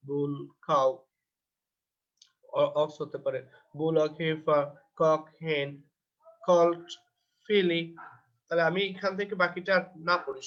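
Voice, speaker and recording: Bangladeshi guy teaching grammar, high voice, dull lo-fi sound, reads lines slow then explains. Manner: reads English textbook lines slowly, then explains in Bengali; asks himself questions and answers them. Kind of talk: recorded grammar lecture. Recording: dull lo-fi recording.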